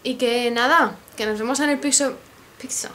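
A woman's voice: a little high, moderate pace. A woman with a Spain Spanish accent, a beauty vlogger showing off makeup in a casual haul video, gushing and talking straight to her viewers. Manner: gushing, excitable, addresses viewers directly.

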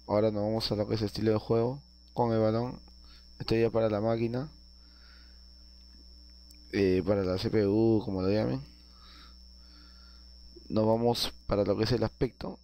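A man with a warm, fairly low voice narrates a casual screen-recorded video game tutorial. He explains each step, often using filler sounds and tag questions.

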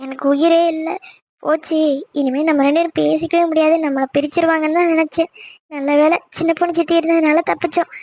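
A woman's voice: sits high, level tone, quick pace, darkish tone, no echo. A woman voicing an anxious teenage daughter in love in a cartoon.

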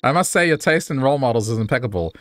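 A man voicing a vain, flamboyant character who adores flattery, in a raised, theatrical reading. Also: mid-range voice, racing, no room sound, close to an everyday voice. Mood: smug.

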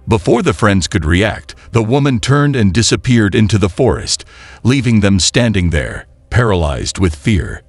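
A man narrating a scripted horror story in a dramatic, suspenseful way, with a husky voice. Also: lowish voice, no echo.

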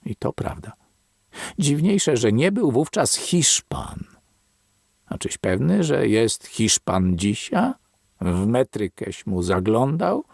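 A man's voice: mid-range voice, very animated, creaky, darkish tone, husky, dry recording, studio quality, full character voice. Kawka, a man voicing a wary old grandfather. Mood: musing. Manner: slow, grumbling, mutters. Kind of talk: audiobook character reading.

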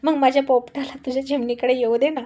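A woman voicing a playful, teasing husband in a told love story, in her own fairly high voice. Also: flat delivery, fast talker, dark tone. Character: teasing affectionate husband, adult man.

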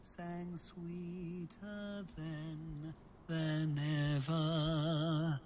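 A woman singing a slow, soft lullaby. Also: sits low, little pitch movement, slight background noise. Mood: tender.

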